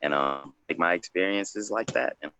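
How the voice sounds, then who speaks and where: Man, extremely low voice, creaky fry, reflective poet, loose rambling panel talk. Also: lively intonation, normal speed, pushed and bright, slight background noise. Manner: loose, rambling, frequent "you know".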